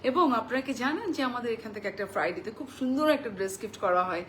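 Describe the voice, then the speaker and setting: A woman in her thirties hosting a live clothing sale, chatting and thanking viewers by name and mixing in English phrases, talking softly after dental surgery. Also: fairly high pitch, animated, quick pace, slight background noise. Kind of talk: live-stream sales chat.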